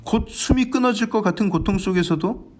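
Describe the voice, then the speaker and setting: Male pastor, earnest dawn sermon, fairly high voice, lively delivery. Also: a little fast. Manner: earnest, animated, acts out scenes. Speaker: senior pastor.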